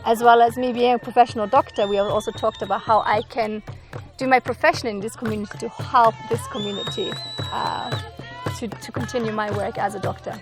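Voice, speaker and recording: Woman in her 30s, kinda high voice, earnest interview talk, faint music under it. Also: fairly even intonation, a little fast. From Norway. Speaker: school director and doctor. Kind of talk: documentary interview.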